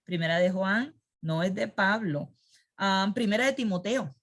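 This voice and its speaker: A woman's voice: mid-range voice, lively intonation, a little slow. A woman teaching a Sunday school Bible lesson. She quizzes her class, repeats key words and keeps checking that they follow along.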